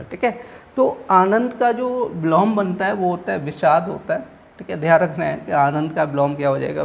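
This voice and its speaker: High-sitting and marked by vocal fry, this man's voice belongs to a teacher working patiently through exam answers step by step. He repeats things and checks in constantly with students through frequent "okay"s.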